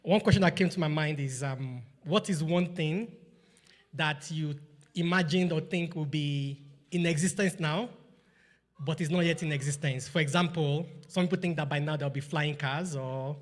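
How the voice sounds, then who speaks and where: A man politely thanking the group and asking them a thoughtful question in a measured way. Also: on the high side. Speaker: question asker.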